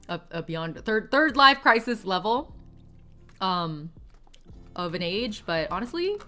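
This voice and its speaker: With a mid-range, slightly bright voice, this woman in her late twenties streams and chats casually with her live chat. She rambles, giggles a lot, and drops the odd offhand curse.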